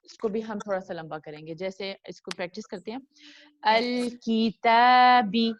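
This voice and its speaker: A woman teaching a recitation lesson over a video call, modeling words slowly and patiently for a student to repeat. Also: on the high side, fairly even intonation, lo-fi sound. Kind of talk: online tajweed lesson.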